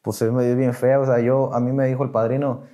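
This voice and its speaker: A young man with a Mexican Spanish accent, appearing as a podcast guest, tells his story casually in slang and with real emotion, voicing the people he quotes. His mid-range voice is dark in tone, fairly quick, and flat in delivery.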